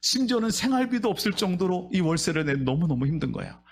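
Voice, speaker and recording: A man's voice: sits high, sing-song, fast talker, creaky. A male pastor preaching a sermon, telling stories and asking the congregation rhetorical questions.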